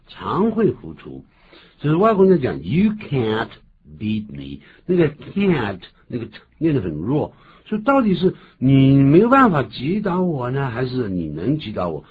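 A man's voice: medium pitch, wildly swooping pitch, moderate pace, husky. A man hosting a bilingual radio language lesson, explaining pronunciation in an emphatic, teacherly way. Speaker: radio English lesson host. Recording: tinny phone-like band, faint noise.

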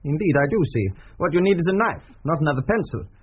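A man's voice: fairly high pitch, expressive, quick pace, slightly rough. A man playing a stern, haughty college student, formal, precise and disapproving, in a period radio drama. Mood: cold disapproval. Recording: muffled, noisy radio recording.

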